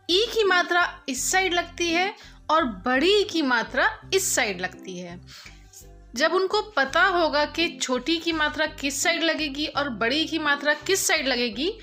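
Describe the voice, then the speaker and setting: A woman's voice: sits high, sharp tone. A woman teacher patiently explaining a lesson, drawing out the example sounds.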